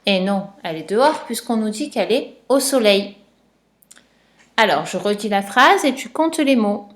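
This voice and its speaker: A woman's voice: medium pitch, animated, normal speed, no echo. A woman teacher giving a patient spelling lesson and dictation to a young child, spelling letters out one by one and repeating each point. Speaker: primary school teacher.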